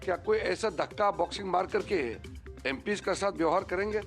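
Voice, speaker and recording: A man's voice: high voice, fairly quick, gravelly, loud music behind the voice. A male politician making an accusatory, demanding statement.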